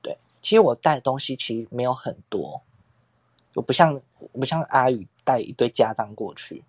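Young male podcast co-host, husky mid voice, chatty and laughing, dry close recording. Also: mid-range voice, animated, normal speed, dry recording. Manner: rambling storytelling, acts out quotes, laughs often. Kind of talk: casual chat.

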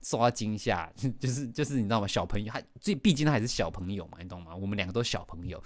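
A middle-aged man with a Taiwanese Mandarin accent hosts a casual podcast and rushes through a story with fillers and bursts of laughter. His voice sits a bit low. The recording is close and dry, with no room sound. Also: dry recording. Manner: animated, with frequent fillers and laughs. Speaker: podcast host.

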